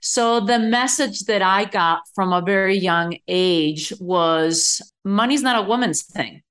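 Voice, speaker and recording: A woman's voice: medium pitch, takes it slowly, a bit bright. A middle-aged woman from Spain, a guest telling her story in a casual interview. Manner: conversational, many fillers. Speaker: podcast guest, entrepreneur.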